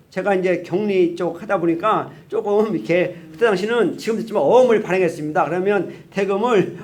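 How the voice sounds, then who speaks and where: A man giving a church testimony, telling his story earnestly in slow, deliberate phrases and acting out the dialogue. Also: sits high.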